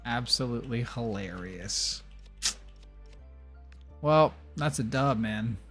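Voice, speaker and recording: A man's voice: mid-range voice, animated, slow, a bit bright, faint music behind. A man streaming a video game and chatting casually, ranting bluntly and swearing. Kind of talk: casual livestream chat while gaming.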